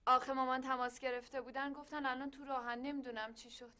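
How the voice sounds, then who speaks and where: A shy young student in her twenties answers the suitor's family politely and briefly. Her voice is high and soft-spoken. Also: level tone. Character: shy young woman student at a courtship visit.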